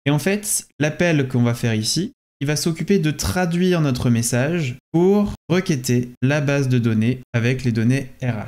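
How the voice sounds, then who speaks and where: A man's voice: medium pitch, a little mellow. A man presenting a screen tutorial, explaining step by step and speaking directly to the viewer. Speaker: data consultant presenting a tutorial.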